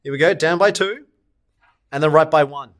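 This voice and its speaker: A man with a slightly high voice explains maths step by step in a recorded lesson. He poses questions to students and answers them himself, fixing his sketches aloud as he draws. Soft clicks come in behind him. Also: moderate pace. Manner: talks students through steps, asks and answers own questions; self-correcting while sketching on screen. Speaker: maths teacher.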